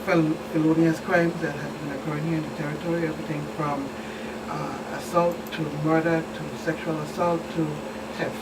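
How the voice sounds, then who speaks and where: Appearing as a police expert guest in a talk show interview, a middle-aged woman with a Virgin Islands Caribbean accent explains matters briskly in a deep, fairly flat voice. The mic is distant and the background is clearly noisy.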